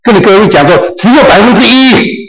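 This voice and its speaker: Animated, lively-pitched man preaching. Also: fairly quick, faint music behind, low-quality recording. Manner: emphatic, sometimes acts out quotes; mixes in English phrases. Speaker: pastor. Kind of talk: sermon. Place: church in New Zealand.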